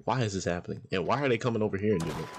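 A man's voice: on the low side, very fast, noisy background. A man hosting a gameplay video, rambling casually with many fillers and restarts as he comments on the game.

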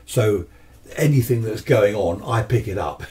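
An amateur radio hobbyist presents a video from his cluttered home radio workshop; he's an older man, likely 60s or 70s, with a southern English accent. His voice is on the low side and animated, delivered at a measured pace, with background noise audible. The demonstration is unscripted and casual, rambling along with little asides and questions to himself.

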